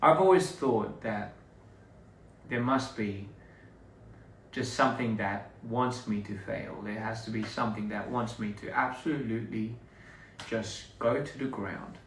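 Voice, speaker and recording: The voice of this Australian man runs on the low side, at a measured pace, as he rambles through a casual livestream chat with viewers, restarting frequently. There's a bit of hiss or hum, an echoey room, and some distance from the mic.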